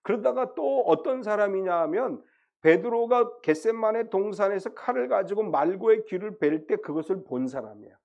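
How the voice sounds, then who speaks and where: A man's voice: high-pitched, lively intonation, normal speed, vocal fry, muffled recording. A man preaching a sermon as pastor, retelling a Bible story and acting out the voices in it. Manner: acts out quoted voices of Peter and Jesus, swinging loud to soft.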